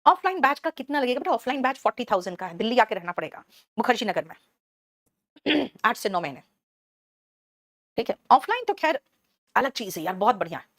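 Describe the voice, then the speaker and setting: A woman as a brisk, motherly teacher, fairly high voice, dry close sound, live online class. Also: big pitch swings, fairly bright tone, no room sound. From Bihar, India. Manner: brisk and motherly, calls students 'beta' and answers chat questions; explains English words in Hindi, switching between the two. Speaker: English teacher.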